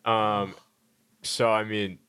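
A man's voice: fairly low pitch, little pitch movement, drawn-out words, sharp tone, clean tone. A man chatting casually as a podcast co-host, telling stories in slangy, joking talk. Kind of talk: casual chat, anecdotes.

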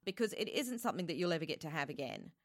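A woman's voice: sits low, sing-song, rapid-fire, dry recording, clean studio sound. A woman giving earnest, explanatory answers in a conversational interview. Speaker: voice reel producer and director, guest.

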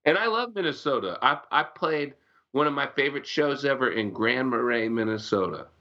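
A man's voice: mid-range voice, animated, normal speed, pushed and bright, muffled recording. A man, a songwriter guest, chatting casually in an interview from his bedroom, often restarting his sentences.

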